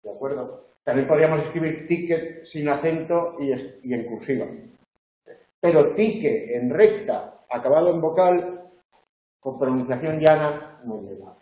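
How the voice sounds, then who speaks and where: A man's voice: a little high, warm tone. A male university tutor going methodically through exam answers and often checking that students follow. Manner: methodical, checks understanding with frequent "¿de acuerdo?". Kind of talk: lecture correcting exam answers. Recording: echoey, dull lo-fi classroom recording.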